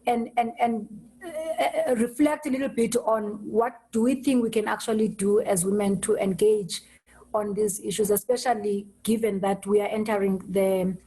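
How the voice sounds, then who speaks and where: A woman hosting an online meeting over a video call, speaking haltingly and restarting her words often. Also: medium pitch, steady tone, mellow, husky, low-quality recording. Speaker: host.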